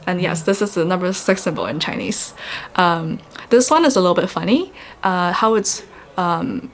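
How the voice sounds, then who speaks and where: A woman giving a casual pronunciation lesson, chatty and giggly, with many fillers, drawing out example sounds and asking viewers to repeat after her. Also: medium pitch. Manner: stretches demo sounds, asks viewers to repeat. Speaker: YouTube language tutor.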